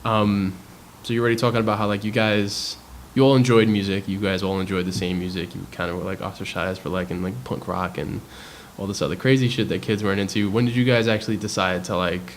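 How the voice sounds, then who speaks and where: Young male host, lowish voice, loose and enthusiastic with slang, faint background hiss. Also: fairly even intonation, fast, few pauses. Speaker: interviewer host. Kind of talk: casual interview chat.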